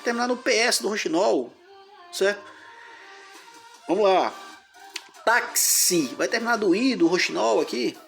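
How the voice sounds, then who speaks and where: A man's voice: high voice, lively intonation, a little slow, creaky, pauses often, a bit bright, soft background music. A man teaching a grammar lesson, explaining step by step and splitting words into syllables.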